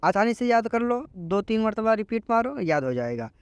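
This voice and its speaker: A man teaching a spoken English lesson, explaining briskly and saying each English phrase very slowly, twice over. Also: high voice, sing-song, clear, resonant tone, no room sound. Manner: says English phrases very slowly and repeats them; explains briskly, calls listeners friends.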